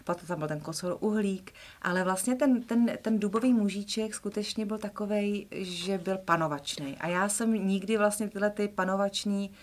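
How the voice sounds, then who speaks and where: A woman's voice: mid-range voice, few pauses. Chatty woman co-hosting a book chat. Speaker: co-host. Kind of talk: casual chat.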